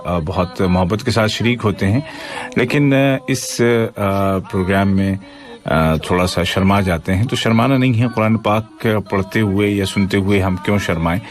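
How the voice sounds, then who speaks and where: A man teaching Quran recitation on a call-in program, reciting slowly and stopping to correct pronunciation. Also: on the low side, faint music behind. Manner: slow drawn-out recitation, stops to correct pronunciation. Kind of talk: live broadcast Quran lesson.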